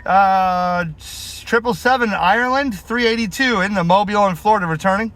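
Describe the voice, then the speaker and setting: A man's voice: high voice, normal speed, heavy background noise. A man working as a mobile CB radio operator, calling out contacts with call signs in friendly, informal patter from inside a vehicle.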